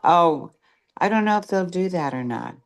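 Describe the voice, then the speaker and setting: A woman on a group video call, excited and thankful as she says goodbye. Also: fairly low pitch, moderate pace, vocal fry. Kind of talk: casual chat.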